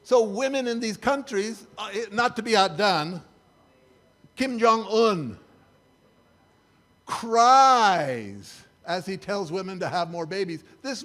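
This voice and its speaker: A man's voice: sits high, animated, takes it slowly, pauses often, fairly bright tone. An older man, a church speaker, giving a sermon-style talk with slides in a wry, incredulous, conversational way.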